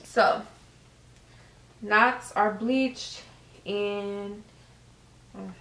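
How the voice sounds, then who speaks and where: A woman's voice: medium pitch, fairly even intonation, drawn-out words, fairly bright tone. Casual female vlogger, slangy and talkative, recorded on a distant camera in an echoey room. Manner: chatty, loose, lots of fillers and slang. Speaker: hair tutorial vlogger. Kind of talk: casual how-to vlog. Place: room at home. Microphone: camera set up at a distance. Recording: roomy, camera mic from a distance.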